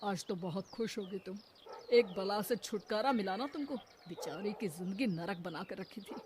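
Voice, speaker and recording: A woman's voice: mid-range voice, normal speed, a little mellow, a little hiss or hum, natural voice. A woman voicing a firm middle-aged husband and father who scolds matter-of-factly in a cartoon story.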